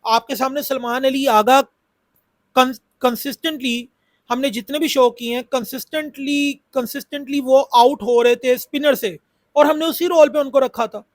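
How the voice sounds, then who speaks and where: This cricket YouTuber from Pakistan has a very high voice, a sore throat, and a moderate pace with fairly even intonation. Recorded without room sound, he chats casually about cricket, repeating himself and filling gaps with fillers.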